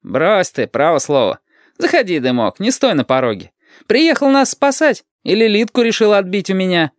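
A man's voice: medium pitch, wildly swooping pitch, normal speed, no room sound, studio quality, pitched above the performer's own voice. A man voicing a cynical, mocking young man in an audiobook, with a sneering manner.

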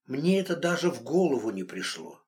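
A man's voice: big pitch swings, brisk, a little mellow. A man voicing a distraught young woman, pleading and emotional. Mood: defensive. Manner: pleading, emotional, rising pitch.

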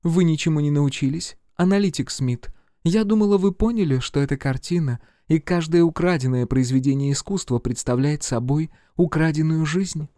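A man's voice: fairly high pitch, expressive, normal speed, dark tone, no room sound, studio quality, lightly acted. A man reading an audiobook voices a cold, determined female agent who gives commands. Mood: stern.

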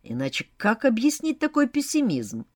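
A woman voicing a sardonic male demon who teases in a dry, mocking way, speaking with lively pitch. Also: moderate pace, no room sound.

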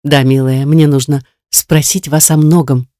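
A kind, generous woman offers calm, steady reassurance, voiced by an audiobook reader. Her tone is mellow and low in brightness. The recording is dry and close. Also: unhurried, no room sound, close to an everyday voice. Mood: reassuring. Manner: soothing, reassuring. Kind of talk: audiobook character reading.

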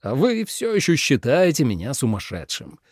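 A man's voice: medium pitch, sing-song, normal speed, creaky, mellow, no echo, clean studio sound. A man voicing a proud, defiant young nobleman who speaks curtly and mockingly in a storybook reading. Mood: cold. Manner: curt, mocking.

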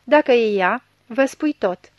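A woman's voice: fairly high pitch, lively intonation, no echo, muffled recording, close to an everyday voice. A woman reading a story aloud, voicing a bewildered, humble blind man with short, plain replies. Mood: pleading. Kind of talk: audiobook reading.

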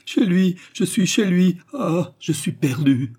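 A man's voice: medium pitch, moderate pace, mellow, slightly rough, close to an everyday voice. A man reading aloud and voicing a scheming young widow who feigns distress in a dramatic, pleading way. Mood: alarmed.

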